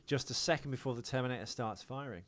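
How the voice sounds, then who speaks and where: A podcast co-host talks fast in a medium-pitched, slightly bright voice. In a casual chat about a film, he reads out its continuity errors and explains details along the way.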